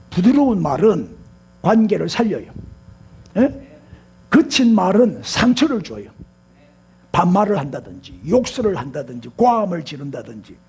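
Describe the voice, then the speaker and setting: A man's voice: high voice, darkish tone, husky. An older man with a Gyeongsang accent preaching a sermon, talking with the congregation and prompting them with rhetorical questions. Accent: Gyeongsang Korean. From Gyeongsang region, South Korea. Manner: leads the congregation in repeating phrases. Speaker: pastor.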